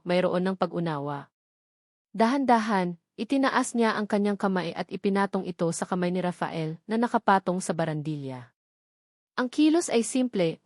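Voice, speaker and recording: Reading a scripted romance story as a dramatic narrator, a woman with a Filipino accent speaks in a mid-range, darkish voice. The recording is dry and the studio sound clean.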